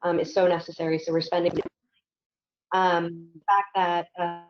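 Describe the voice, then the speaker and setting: A woman's voice: fairly low pitch, little pitch movement, normal speed, a little hiss or hum. A woman panelist speaking hesitantly with many fillers on a video call, her voice cutting in and out on a bad connection. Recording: echoey, dull, breaking-up call audio.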